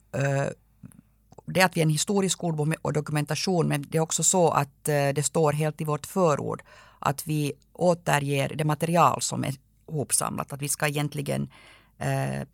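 Gravelly Finland Swedish woman, dry sound. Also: low-pitched, no room sound. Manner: measured, explanatory, frequent hesitations. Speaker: dictionary editor. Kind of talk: radio interview answers.

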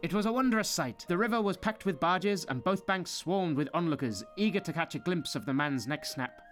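A sly, grim tour guide, played by a man, leads newcomers through a fetid city, theatrical and sardonic as he savours every grisly detail. His voice sits a little high, and faint music plays underneath. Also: lively intonation, moderate pace, a bit bright. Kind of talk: scripted fantasy narration.

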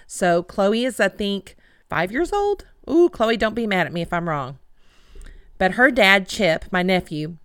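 A woman's voice: mid-range voice, a bit bright, clear, resonant tone, no room sound, clean studio sound. A woman in her fifties hosting a podcast, chatting conversationally through introductions and interview questions. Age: 50s. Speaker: podcast host.

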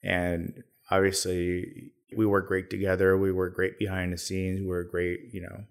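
Deep-voiced guy on a podcast, laid back, rambling w lots of ums. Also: normal speed, vocal fry, clear, resonant tone. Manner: relaxed, rambling, many fillers. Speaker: podcast guest, business owner. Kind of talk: casual conversation.

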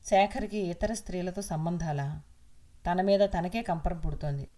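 A woman narrating a serialized audio novel, her voice a little low for a woman. She reads in a steady, measured way, keeping an even pace through the story.

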